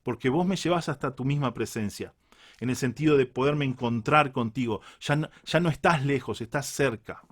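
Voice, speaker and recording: A man's voice: mid-range voice, moderate pace. A man with a Uruguayan Spanish accent preaching a reflective Bible sermon, earnest and repeating key phrases for emphasis.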